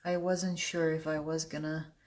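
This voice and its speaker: A woman in her thirties, an artist on a live stream, chatting casually and muttering softly to herself between chuckles as she paints. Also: sits low, flat delivery, normal speed.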